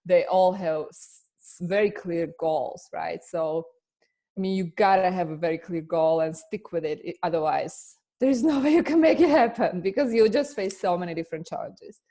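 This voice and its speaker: A Slovak woman with a Slovak accent and a lowish, dark, expressive voice answers interview questions at a moderate pace. An immigration attorney and business coach, she speaks earnestly, using frequent fillers and often restarting her sentences.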